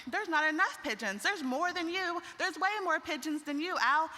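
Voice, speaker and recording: A woman's voice: very high-pitched, expressive, moderate pace, pushed and bright, voice pushed up, full character voice. A young woman voicing a stubborn pigeon in a told folk story, protesting and insistent, in a reverberant hall. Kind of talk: storytelling performance.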